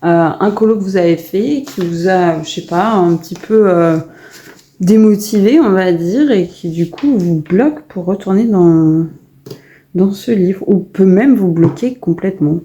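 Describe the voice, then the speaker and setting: A woman's voice: lowish voice, unhurried, warm tone. A woman casually showing her finished coloring pages in a vlog, chatty and full of hesitations and restarts. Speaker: coloring vlogger. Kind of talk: casual show-and-tell vlog.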